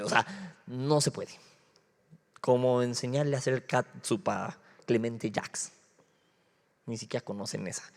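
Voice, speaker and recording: A man's voice: fairly high pitch, darkish tone. A young male pastor with a Mexico City accent giving a casual youth sermon, joking and slangy, often checking in with rhetorical questions. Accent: Mexico City Spanish. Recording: long hall reverb.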